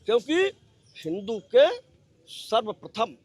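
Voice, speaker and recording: A man's voice: high voice, expressive, slow, darkish tone, breathy edge. A man from the public speaking fervently in a street interview, tacking a habitual filler onto his sentences. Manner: fervent, leans on the filler "jo hai" constantly. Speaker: member of the public giving his view.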